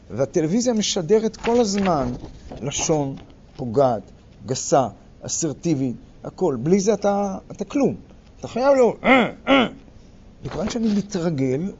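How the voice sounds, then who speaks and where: An older man leading a workshop, lecturing a group and acting out quarrels in sharp, loud bursts. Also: sits high. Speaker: workshop leader. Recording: muffled recording with faint background noise.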